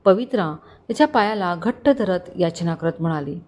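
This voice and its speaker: A woman storyteller narrating a dramatic family story, expressive and vivid. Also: normal speed. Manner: expressive, voices characters with rising pitch in tense moments.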